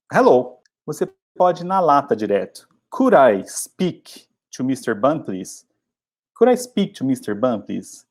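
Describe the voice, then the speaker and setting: A middle-aged Brazilian man teaching English by telling stories about his own early struggles, in a chatty, animated way. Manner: chatty, animated storytelling with lively pitch jumps. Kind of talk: storytelling English lesson.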